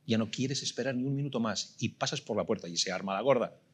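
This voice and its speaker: A man's voice: mid-range voice, quick pace, slightly rough. A middle-aged man with a Spanish accent from Spain preaching a sermon, emphatic and full of rhetorical questions that he repeats for weight. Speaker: pastor.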